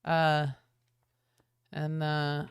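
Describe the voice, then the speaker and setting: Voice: medium pitch, completely flat delivery, extremely slow, clean tone, no room sound, studio quality. A co-host in a casual livestream chat, easygoing and reading viewer comments aloud.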